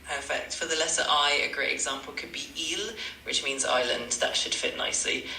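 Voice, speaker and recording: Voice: mid-range voice, fairly quick, bright, forceful tone, roomy sound, recorded from a distance, a little hiss or hum, low-quality recording. A synthetic AI language tutor voice, polite and eager to please, repeating stock phrases. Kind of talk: chatbot tutoring replies.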